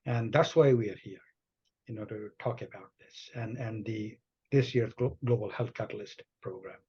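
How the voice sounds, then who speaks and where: A man from Bangladesh, a medical physicist, introducing himself haltingly with many you-knows. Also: fairly low pitch, slightly rough, lo-fi sound. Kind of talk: panel conversation.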